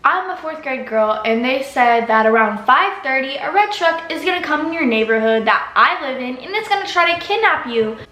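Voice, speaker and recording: A woman's voice: sits high, expressive, normal speed, few pauses, bright, forceful tone. A teenage girl telling a story in a casual, dramatic way, full of slang. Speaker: vlogger. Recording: echoey room, faint background hiss.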